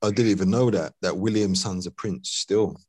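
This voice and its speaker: A man's voice: sits low, moderate pace, darkish tone, breathy edge, dry recording. A man with an urban London street accent hosting a podcast in casual, slang-heavy roadman talk. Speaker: podcast host.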